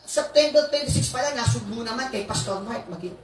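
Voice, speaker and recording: A man, a pastor, preaching a lively sermon with frequent hallelujahs and asides to his congregation. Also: very high voice, a little fast. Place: church hall. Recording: echoey hall, far from mic, faint noise.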